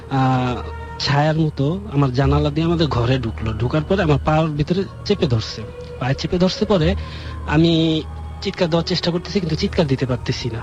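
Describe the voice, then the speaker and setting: A man calling in to a radio show, earnestly telling a frightening experience from his own home in a halting way. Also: on the high side, darkish tone. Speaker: caller. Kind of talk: telling a personal ghost story. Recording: dull lo-fi radio broadcast with music.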